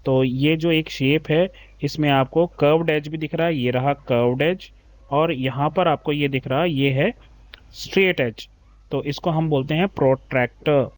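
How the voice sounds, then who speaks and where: A patient male teacher walks young pupils through a maths workbook. His voice sits a little high for a man. He reads English questions slowly, then explains them in Hindi. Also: dry recording. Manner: patient, addresses children as beta. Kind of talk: explaining a class 3 maths textbook.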